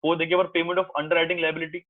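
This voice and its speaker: In a somewhat high, level voice at a moderate pace, a male commerce teacher lectures his class, coaxing and reassuring them, calling them 'beta' and repeating himself often. The recording is dry, with a tinny, phone-like quality.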